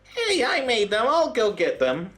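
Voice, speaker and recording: A man's voice: very high voice, wildly swooping pitch, measured pace, fairly bright tone, soft background music, voice pushed up, heavily acted. A man voicing a brash, defensive teenage girl from a game. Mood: snappy. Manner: snappy, defensive.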